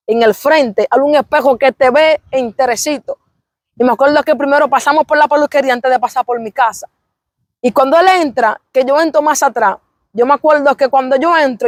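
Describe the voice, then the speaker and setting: Young woman, high bright voice, dry close mic; passionate church testimony, repeats herself, cries out praise. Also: no room sound. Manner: fervent, repetitive storytelling with exclamations of praise. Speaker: interview guest. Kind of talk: emotional religious testimony.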